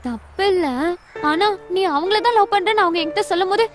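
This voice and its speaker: An actress playing a proud, poor young woman who collects rubbish for a living and talks quick and sharp. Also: very high voice, soft background music. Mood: defensive.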